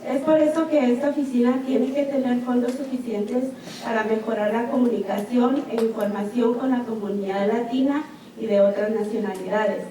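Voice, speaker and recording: A chaplain leader gives earnest, prepared public testimony at a city hearing in a public meeting hall, with slight hesitations. Her voice is on the high side and mellow, with fairly even intonation and a moderate pace. The hall is very echoey, the mic distant, and there is noise.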